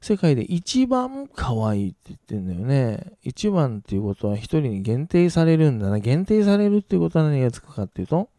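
A man teaching an English pronunciation lesson, brisk and casual, with playful asides. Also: on the high side, sing-song, dark tone, no room sound, clean studio sound. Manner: brisk teacherly, slows right down to model English words clearly; casual rough-edged male speech, playful asides.

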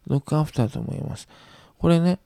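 Man, teacher, gravelly voice, dark tone, dry close sound, patient, slow careful repetitions. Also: a little high, no echo. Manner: patient, repeats example sentences slowly; gentle reassurance to students. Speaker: English teacher. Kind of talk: recorded grammar lesson.

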